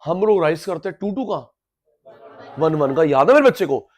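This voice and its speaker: A man with a high voice lectures a live class. He hammers key terms through repetition and switches freely into English terminology. He gently scolds and teases his students as he goes. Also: normal speed. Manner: lively, repetitive drilling, mixing Hindi and English terms; teasing, scolds latecomers playfully. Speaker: teacher.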